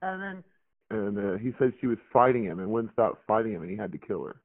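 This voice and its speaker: A man, recalling a past event in a rambling, halting way full of fillers and restarts. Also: lowish voice, big pitch swings, no room sound. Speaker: interviewee recounting a past event. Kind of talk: casual recollection on a phone interview. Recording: tinny phone line, dry.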